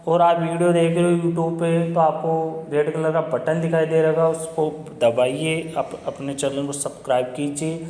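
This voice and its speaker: Male teacher, high voice, spells words out and quizzes himself, long room reverb. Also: warm tone. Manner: spells words letter by letter, asks and answers himself. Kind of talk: spoken lesson on English phonics. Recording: roomy echo with long reverb.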